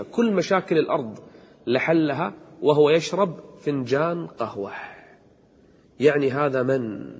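A man giving an impassioned sermon, slowing down to chant verses. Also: fairly high pitch, husky. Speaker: preacher. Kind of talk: emotional sermon. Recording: echoey hall on a dull cassette tape.

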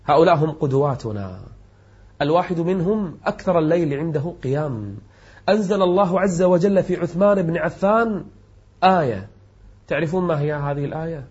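A male preacher giving an emphatic sermon, dropping to soft low tones and rising to raised exclamations, and slowly chanting verses and poetry. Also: animated, slightly rough. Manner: chants verses in a slow melodic recitation. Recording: dull lo-fi recording.

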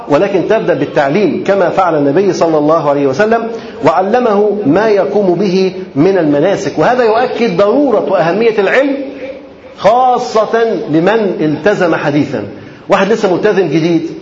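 A man's voice: high-pitched, a little mellow. A man with an Egyptian accent preaching a sermon, talking in colloquial, repetitive, emphatic phrases and mixing in formal Arabic. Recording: muffled, roomy lecture recording.

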